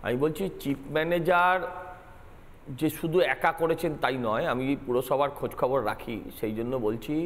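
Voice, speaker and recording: A man's voice: medium pitch, fairly even intonation, moderate pace, fairly bright tone, long reverb tail. A man, a councillor making emphatic, accusatory points in a heated TV news debate. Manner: emphatic, accusatory, repeats himself. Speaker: councillor guest.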